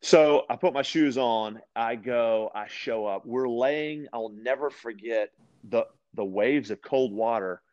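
A man from Louisiana, a podcast guest, telling casual stories with lots of restarts and animated asides. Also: medium pitch, a little slow, highs cut off. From Louisiana, USA. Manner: rambling, animated anecdotes with frequent restarts. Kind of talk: casual storytelling conversation.

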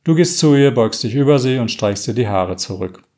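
A man reading a first-person story aloud in a calm, measured way, now and then correcting himself mid-sentence. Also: mid-range voice. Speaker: story reader.

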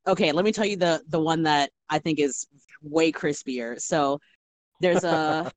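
A young woman, a bartender, telling stories in a casual, animated chat full of fillers. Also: low voice, unhurried, a little hiss or hum. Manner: animated storytelling with many fillers. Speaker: guest bartender.

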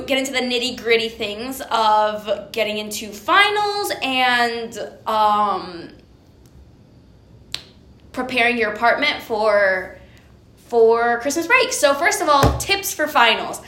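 A woman's voice: a little high, lively intonation, slow pace, a bit bright. A young adult woman from Honduras co-hosting a casual student podcast, upbeat and playfully teasing. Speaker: podcast co-host, student community leader. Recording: echoey room.

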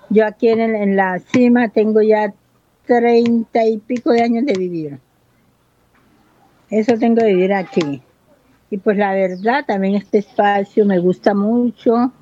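A woman's voice: a little high, a little mellow, dull audio, a little hiss or hum. Earnest woman in her fifties. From Buenaventura, Colombia. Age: 50s. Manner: earnest, impassioned, reflective. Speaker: local resident. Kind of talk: interview testimony.

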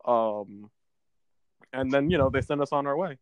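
A man's voice: medium pitch, moderate pace. A man co-hosting a casual gaming podcast, rambling along and often tripping over his words. His voice sits in a middle register. The sound is dry and close, with no room echo. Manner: rambling, stumbles and restarts often. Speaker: podcast co-host. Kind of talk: casual chat about a video game.

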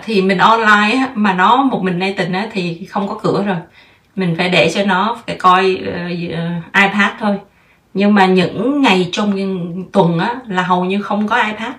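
A woman's voice: medium pitch, a bit bright, far from the mic. Chatty woman giving parenting advice. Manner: chatty, mixes in English words. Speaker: parenting podcast host. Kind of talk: casual advice talk.

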